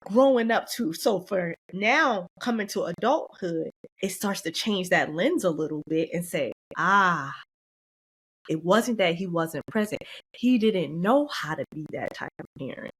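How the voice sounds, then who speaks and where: An animated woman co-hosting a podcast, speaking. She talks in a casual, heartfelt way and slips into voices to act out the people she quotes. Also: on the low side, normal speed, husky. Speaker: podcast co-host.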